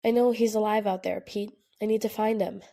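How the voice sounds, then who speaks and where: Woman doing stubborn young man in an audiobook, insistent, flat and gravelly. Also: mid-range voice, fairly quick. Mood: determined. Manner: insistent, apologetic.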